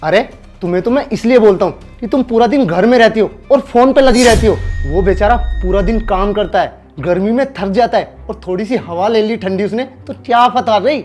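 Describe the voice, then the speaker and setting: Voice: medium pitch, moderate pace, hardly any pauses, a little mellow, faint music behind, lightly acted. A performer acting a husband who firmly reasons and defends the servant in a short drama skit. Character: husband, a fair-minded office-going man. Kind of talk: scripted Hindi skit acting.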